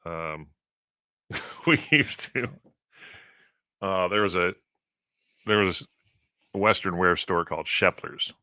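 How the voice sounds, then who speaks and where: A man's voice: deep voice, slow, long pauses, bright, forceful tone, no room sound, studio quality. A man co-hosting a morning radio show, telling stories in casual banter and laughing often. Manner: chatty storyteller, laughs often.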